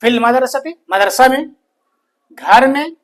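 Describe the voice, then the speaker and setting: A man teaching a grammar lesson, slowly repeating each phrase and answering his own questions. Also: extremely high pitch, a bit bright. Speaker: Arabic teacher.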